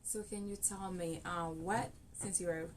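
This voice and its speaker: A woman's voice: lowish voice, fairly even intonation, unhurried, a little hiss or hum. A woman hosting a talk show, asking questions in a chatty, curious way and laughing easily. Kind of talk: casual interview chat.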